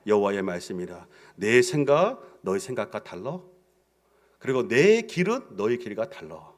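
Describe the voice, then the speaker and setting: A man preaching a Sunday sermon in a church as senior pastor, telling stories with sudden emphatic jumps in pitch and often saying "yes" between phrases. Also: very animated, moderate pace. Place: church sanctuary.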